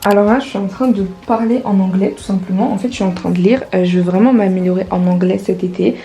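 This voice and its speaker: A woman's voice: mid-range voice, fast talker, dark tone, rough recording. A teenage girl chatting casually through her vlog, with many fillers and restarts. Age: teens. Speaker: vlogger.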